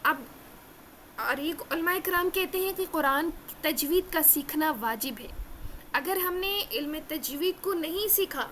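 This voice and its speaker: High-voiced earnest woman teaching Quran recitation. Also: fairly bright tone, slight background noise. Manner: earnest, repeats key phrases, slows for emphasis. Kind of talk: religious lesson.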